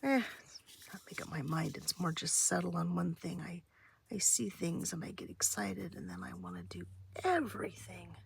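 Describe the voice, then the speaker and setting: This craft host's voice is lowish, creaky and animated, moving at normal speed over a little hiss or hum. Hosting a session at her desk, she talks casually and thinks aloud in a slightly stuffy, nasal tone, hesitant, meandering and self-interrupting.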